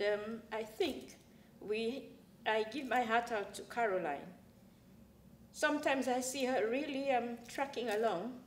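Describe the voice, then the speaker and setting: An older woman, a quadrille dancer, answering interview questions in an earnest, heartfelt way. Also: a little high. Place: small studio with plain backdrop. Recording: roomy and distant, faint hiss.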